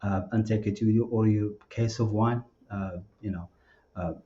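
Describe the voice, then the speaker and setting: Through slightly dull, lo-fi audio, a man speaks in a low, very mellow voice. He explains things casually as a local guest, wandering and qualifying as he goes. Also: fairly even intonation, normal speed. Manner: hedging, rambling explanations full of "you know". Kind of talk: casual live Q&A.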